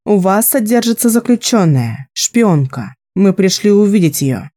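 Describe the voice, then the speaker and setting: A man's voice: high-pitched, lively intonation, a little slow, dark tone, voice pushed up. A man voicing an icy noblewoman. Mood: cold commanding. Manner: icy, clipped, threatening. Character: cold commanding noblewoman.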